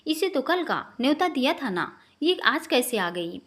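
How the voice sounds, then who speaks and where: A woman's voice: high-pitched, very animated, unhurried, a bit bright, pitched above the performer's own voice, heavily acted. A woman voicing a stern old grandmother. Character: elderly grandmother, stern but softening.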